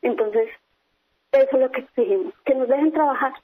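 A woman speaks firmly over a telephone line, pressing the same points again and again. Her voice sits a little high, and the sound is thin and tinny like a phone call. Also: a little fast, husky. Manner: firm, insistent, repeats her points. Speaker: company employee interviewed by phone. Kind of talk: phone interview.

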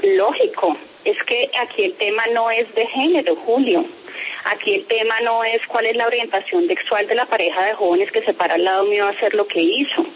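Over a lo-fi phone line, a woman who is a parent making a complaint is interviewed, speaking firmly, formally, and insistently. Her medium-pitched voice is husky and fairly quick.

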